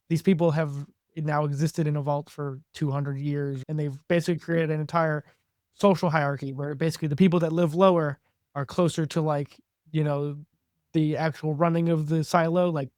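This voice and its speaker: A man's voice: fairly high pitch, darkish tone, dry recording, clean studio sound. A man co-hosting a podcast, chatting casually with lots of fillers. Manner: chatty, filler-heavy with frequent "like". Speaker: podcast co-host. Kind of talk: casual chat.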